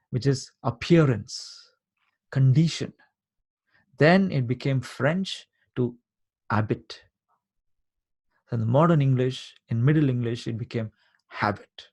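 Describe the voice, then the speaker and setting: Husky-voiced man coaching patiently. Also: mid-range voice, darkish tone. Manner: explains patiently, repeats points and checks the listener understands. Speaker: life coach. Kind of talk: live online coaching session. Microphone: video call.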